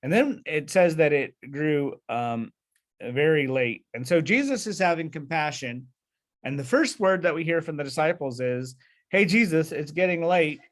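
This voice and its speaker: A man's voice: a little high, animated, moderate pace. A man leading a Bible study over a video call, explaining with many fillers and restarts and asking the group questions.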